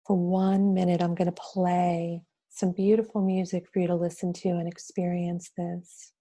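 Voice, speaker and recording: A woman leading a guided meditation in a soothing, reverent, goddess-like manner, softly and with a hushed delivery. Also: lowish voice, flat delivery, moderate pace. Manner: soft, breathy, hushed, drifting at times toward a whisper.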